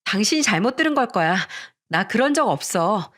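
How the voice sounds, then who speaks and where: A woman voicing an evasive, nervous young wife in a radio story reading, speaking slowly and hesitantly. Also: medium pitch, very animated, fairly bright tone.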